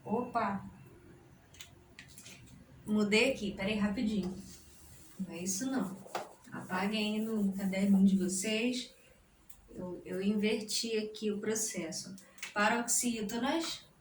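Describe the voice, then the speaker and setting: A woman teacher explains a grammar lesson, speaking deliberately and splitting words into syllables. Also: medium pitch, distant mic. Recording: roomy echo, voice from the mic, faint noise.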